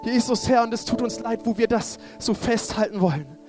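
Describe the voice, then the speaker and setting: A man's voice: very high voice, animated, moderate pace, over music. A man preaching a sermon and then leading a fervent spoken prayer, often repeating short calls to Jesus.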